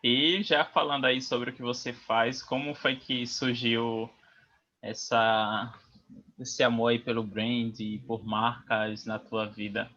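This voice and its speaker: Bright-voiced male podcast host, lo-fi. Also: mid-range voice, flat delivery, slow pace. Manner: upbeat, informal questions. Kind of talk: casual interview hosting. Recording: dull lo-fi mic.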